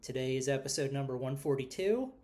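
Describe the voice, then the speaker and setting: A man's voice: medium pitch, animated, a little fast, dark tone. A middle-aged man with a New York accent co-hosting a casual podcast, rambling and self-deprecating, full of fillers. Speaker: podcast co-host.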